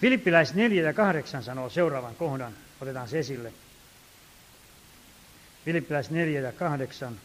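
A man preaching a sermon, reading scripture slowly and emphatically, with folksy storytelling asides. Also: medium pitch, animated, a little hiss or hum. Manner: slow, emphatic reading of scripture, rising loud on exhortations.

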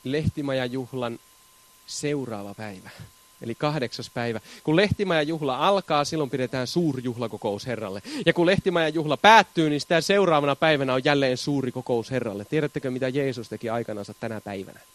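A man preaching a charismatic sermon, fervent, often shouting hallelujah and laughing between points. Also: mid-range voice.

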